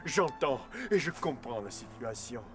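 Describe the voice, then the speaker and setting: An actor playing a solemn, theatrical druid of the Gauls in a comic stage play, with grandiose declamation. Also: male voice, medium pitch, expressive, unhurried, natural voice.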